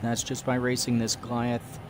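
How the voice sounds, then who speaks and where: A man's voice: medium pitch, completely flat delivery, normal speed, background noise. A man in his fifties chatting casually to his live stream audience while playing a racing game. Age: 50s. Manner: chatty, rambling, talks to live chat. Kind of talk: casual gameplay commentary.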